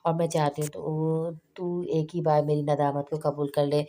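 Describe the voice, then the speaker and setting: A woman voicing a remorseful young woman who pleads for forgiveness, in a low, even voice. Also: normal speed. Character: young woman, ashamed and tearful.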